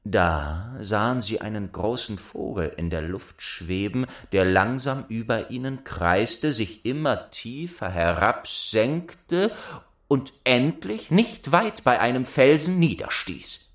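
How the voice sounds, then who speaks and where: A man narrating a fairy tale with a lowish voice. He takes his time over each phrase, letting his pitch rise and fall expressively as the story unfolds. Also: animated, slow, fairly bright tone. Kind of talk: storybook reading.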